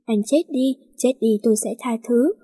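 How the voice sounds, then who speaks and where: A woman voicing a furious, heartbroken young woman who answers in sharp, bitter refusals. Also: a little high, normal speed, husky. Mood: angry.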